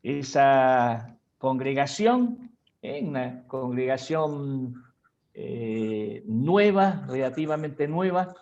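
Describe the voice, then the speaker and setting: Man, church conference host, halting speech with tag questions, very slow, slightly muffled sound. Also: medium pitch, lively intonation, darkish tone. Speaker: pastor. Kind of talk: introducing speakers at a church conference.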